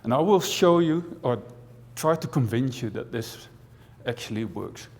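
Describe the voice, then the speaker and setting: Addressing a conference crowd in a large auditorium, a professor and speaker from the Netherlands keeps things lively and chatty, cracking dry jokes and asking "right?" again and again. He talks a little slowly at an ordinary pitch, and long reverb trails every phrase.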